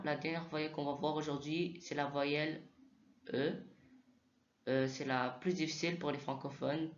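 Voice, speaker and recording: A man teaching Mandarin sounds in a slow spoken lesson, hesitating often and repeating each sound aloud for practice. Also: on the high side. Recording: echoey room, slightly dull sound.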